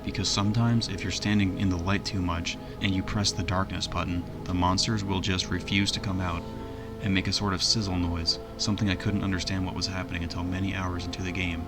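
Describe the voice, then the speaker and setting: A man's voice: deep voice, little pitch movement, brisk, music in the background. A man narrating a video game review in an informal, plainspoken way.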